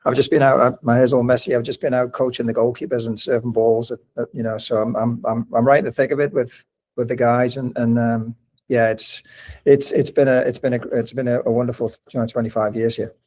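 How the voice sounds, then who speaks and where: A man's voice: medium pitch, flat delivery, brisk, darkish tone. A middle-aged man with a mild northeast English accent, a college soccer coach chatting as a podcast guest, rambling with many restarts. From northeast England. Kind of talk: casual interview conversation.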